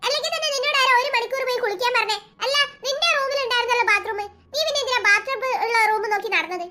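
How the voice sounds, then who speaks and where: Someone voicing a sarcastic cartoon big sister, high. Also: racing, sharp tone, full character voice. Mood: mocking. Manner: scolding, sarcastic. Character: mocking cartoon older sister, sarcastic teen girl. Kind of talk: cartoon voice acting.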